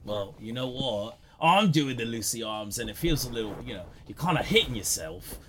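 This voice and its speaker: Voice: mid-range voice, normal speed, a little hiss or hum, natural voice. A performer voicing a cheerful Tasmanian devil who talks in slang and laughs easily, in an improvised comedy podcast. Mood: playful. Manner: laughs easily, animated and playful.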